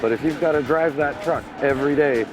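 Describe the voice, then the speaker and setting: A man's voice: on the high side, brisk, over music, rough recording. A man giving a plain-spoken, matter-of-fact promotional walkthrough as a plant tour presenter. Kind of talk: explanatory promotional product walkthrough.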